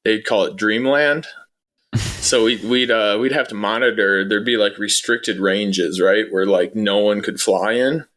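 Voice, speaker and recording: A former air traffic controller talks as an interview guest, keeping things casual and matter-of-fact. His voice is lowish and fairly bright, and he doesn't rush.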